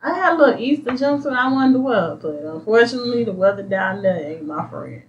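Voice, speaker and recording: A woman's voice: fairly high pitch, lively intonation, brisk, highs cut off, slight background noise. A woman co-hosting a podcast in casual chat, blunt and profane, laughing as she tells stories. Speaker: podcast co-host.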